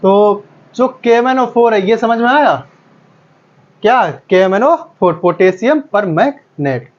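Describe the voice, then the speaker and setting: Brief: male chemistry teacher, high voice, call-and-response drilling, dull lo-fi sound. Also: expressive, slow. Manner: repeats each term back as a quiz question. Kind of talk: classroom lecture with call-and-response questions.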